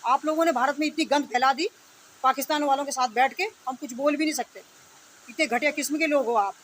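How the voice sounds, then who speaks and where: At a quick pace and in a high voice, a woman who comments in online videos rants without a script, indignantly confronting and scolding her opponents. She repeats phrases and asks rhetorical questions, with a steady background noise throughout.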